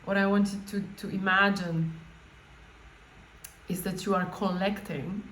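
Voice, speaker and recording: A woman coach leading an informal guided meditation, speaking off the cuff in a halting way and often rephrasing herself. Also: mid-range voice, fairly even intonation, fairly bright tone. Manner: halting, spontaneous, with repeated words and rephrasing. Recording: echoey room with faint background noise.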